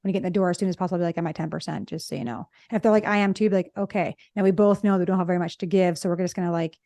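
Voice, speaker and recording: A middle-aged woman, a relationship psychologist, talking fast and telling animated stories in a casual conversation. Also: fairly low pitch, no room sound. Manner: fast talker, animated storytelling. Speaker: podcast co-host, relationship psychologist.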